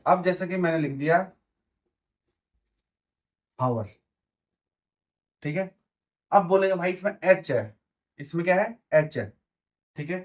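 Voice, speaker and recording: A man with a Hindi accent teaching English grammar, repeating words and checking that his students follow. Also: a little high. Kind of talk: explaining grammar at a board.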